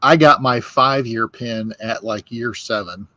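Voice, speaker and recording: Bright-voiced rambling man in his fifties. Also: mid-range voice, unhurried, no echo. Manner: rambling storyteller, restarts and laughs. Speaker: whiskey podcast host. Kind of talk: casual chat.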